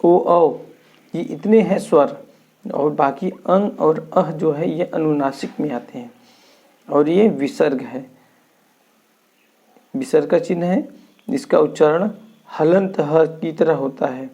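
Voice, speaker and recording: A man teaching a Hindi grammar lesson, who explains slowly, repeats terms and asks and answers his own questions. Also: on the high side, dark tone, slightly rough.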